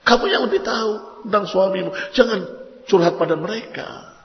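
A man preaching a sermon to married women, lively and emphatic, sometimes chanting Arabic passages in a sung tone. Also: high voice, moderate pace, gravelly, muffled recording. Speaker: Islamic preacher. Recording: echoey hall reverb.

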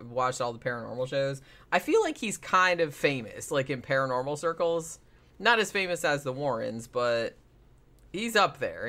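A man's voice: medium pitch, pushed and bright. A man casually retelling a paranormal TV episode as a podcast host, rambling with lots of fillers and swearing.

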